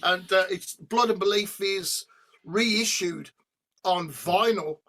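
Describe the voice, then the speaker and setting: A middle-aged man, a rock singer guest on a podcast, telling animated stories over a remote call. He swears freely and breaks into humming and sung snippets. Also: high-pitched, takes it slowly. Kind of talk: storytelling in a podcast interview.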